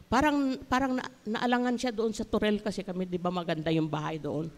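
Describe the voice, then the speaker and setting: A woman from the Philippines giving a sermon with a personal testimony, telling her story earnestly and rising to emphatic high bursts. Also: steady tone, a little fast. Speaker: church speaker. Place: church hall. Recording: church sanctuary with long reverb.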